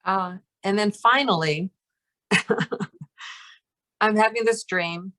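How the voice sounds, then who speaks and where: Brief: woman, casual storyteller, chatty and giggly, mid-pitched. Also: slow pace, sharp tone. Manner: chatty, laughs often, many "like" fillers. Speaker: group participant.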